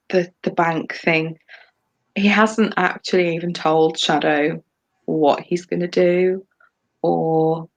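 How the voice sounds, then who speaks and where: Woman co-host, flat gravelly delivery, rambling with ums, video-call audio. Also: fairly low pitch. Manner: rambling, hesitant with many ums. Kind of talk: casual livestream discussion.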